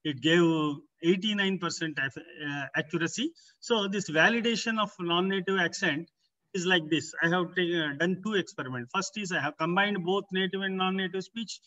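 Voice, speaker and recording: A man giving an academic research presentation, explaining in short, halting phrases as a conference presenter. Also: sits high, pushed and bright, dull audio. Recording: distant, far from the microphone.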